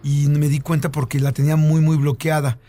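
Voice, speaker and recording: A man's voice: a little high, level tone, a little fast, warm tone, soft background music. A man with a Mexican accent telling a long story in casual chat, with many fillers and repeats.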